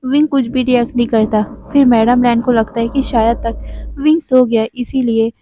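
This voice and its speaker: A woman telling a fan-fiction story in a casual, chatty way, often rephrasing as she goes. Her voice sits high but mellow and soft-edged, recorded close and dry. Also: fairly even intonation, normal speed, no echo. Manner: chatty, restates with "matlab ki".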